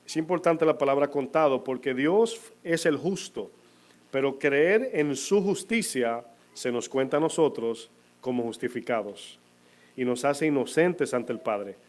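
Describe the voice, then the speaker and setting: A man preaching a sermon to his congregation, asking them questions and answering them himself, slowing down to stress key words. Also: mid-range voice, lively intonation. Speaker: pastor. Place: church.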